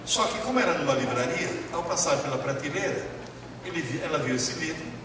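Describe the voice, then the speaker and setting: A man giving a talk on learning to a live audience, humorous and animated, often putting questions to the listeners. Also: on the high side, brisk. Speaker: speaker at an education talk. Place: large hall. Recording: echoey hall, distant mic, noisy.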